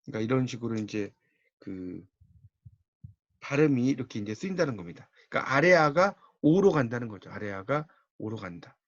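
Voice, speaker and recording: A man's voice: mid-range voice, animated, fairly quick, no echo, lo-fi sound. A man with a Gyeongsang accent giving a university-style lecture on Korean linguistics, explaining patiently and repeating key words.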